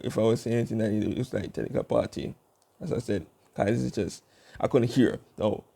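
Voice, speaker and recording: A young YouTuber talks to his channel on his own in a loose vlog, his lowish voice dark and mellow with a gravelly rasp around the edges. He rambles, filling gaps and restarting sentences. Throughout, he works to keep his delivery slow and deliberate.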